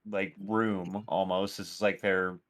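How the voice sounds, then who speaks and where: Slow, low-voiced male player. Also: level tone. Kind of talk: casual tabletop play.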